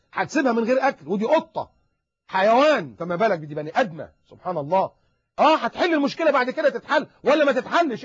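Rapid-fire husky Egyptian preacher. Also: male voice, high-pitched, no room sound. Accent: Egyptian Arabic. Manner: animated, acts out dialogues, rapid repetitions. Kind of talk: religious advice lecture. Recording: dull lo-fi recording.

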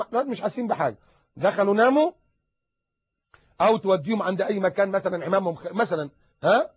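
A man with an Egyptian accent giving a lively religious advice lecture, talking animatedly and acting out little dialogues. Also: fairly high pitch, slightly rough, dry recording. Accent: Egyptian Arabic. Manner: animated, acts out dialogues, rapid repetitions. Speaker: preacher. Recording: dull lo-fi recording.

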